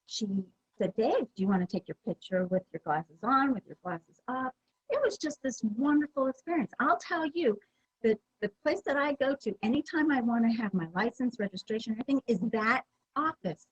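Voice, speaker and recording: A woman's voice: on the high side, darkish tone, slightly rough, dry recording, highs cut off. A woman giving a conference presentation, talking in a conversational way with many fillers and restarts. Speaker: presenter at a user group meeting.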